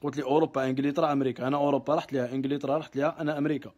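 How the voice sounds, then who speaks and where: A man's voice: medium pitch, steady tone, rapid-fire, darkish tone, dull audio. A man with an Algerian Arabic accent hosting a casual live question-and-answer stream. He mixes in French words, answers offhandedly and gets heated when he vents.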